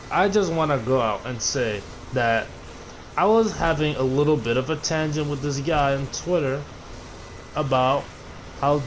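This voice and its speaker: A man's voice: on the high side, a little hiss or hum, low-quality recording. A man ranting casually about a video game, rambling and cursing, often restarting his sentences. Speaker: gaming video creator. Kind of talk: casual gaming rant.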